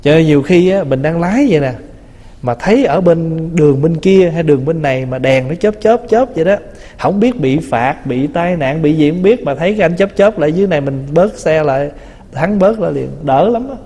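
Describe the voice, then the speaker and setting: Male monk, chatty dharma talk, slightly high mellow voice, reverberant hall. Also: lively intonation, a little fast. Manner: conversational, teasing, acts out little quotes. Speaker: Buddhist monk teacher.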